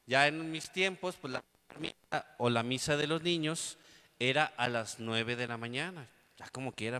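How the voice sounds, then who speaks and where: A man's voice: mid-range voice, bright, forceful tone. A man with a Mexican accent preaching a sermon as a priest, telling stories and acting out the people in them. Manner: storytelling, acts out quotes. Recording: long reverb of a large hall.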